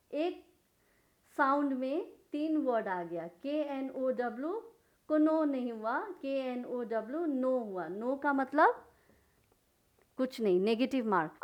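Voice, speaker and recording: A woman teaching a lesson, spelling words letter by letter and answering her own questions. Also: sits high. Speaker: English teacher. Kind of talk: slow explanatory lesson.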